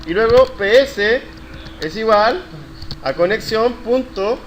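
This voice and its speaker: A man's voice: high voice, animated, takes it slowly. A man teaching a live university coding class, questioning students and praising their answers. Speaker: university lecturer. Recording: noisy classroom recording.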